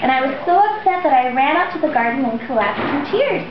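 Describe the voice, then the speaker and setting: Sweet young princess woman performer, bright and sing-song, coaxing small children through a fairy tale; high voice, muffled sound. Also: lively intonation, fast. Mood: sweet, storytelling. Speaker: children's party princess entertainer. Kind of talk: interactive storytelling for small children. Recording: dull roomy camera audio, clear background noise. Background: small children at a party.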